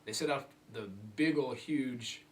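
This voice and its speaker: A man's voice: medium pitch, measured pace. A man casually retelling a film plot in a comedy bit, rambling and laughing as he goes. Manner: rambling, laughing, animated storytelling with voices. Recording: distant mic with loud room noise.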